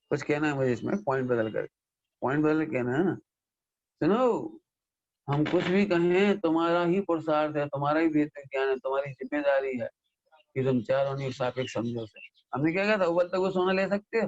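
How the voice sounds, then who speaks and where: A man gives a lively scripture discourse, scolding and questioning his listeners. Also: fairly high pitch, lo-fi sound. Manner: animated, scolding, mimics listeners and asks them questions. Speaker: Jain scholar giving a scripture discourse. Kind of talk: sermon.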